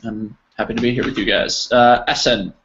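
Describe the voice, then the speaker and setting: An American man teaches a casual group English lesson on an online video call, speaking in an encouraging, informal way. His mid-range voice is a bit bright, with fairly even intonation and a moderate pace. The call audio is dull and noisy.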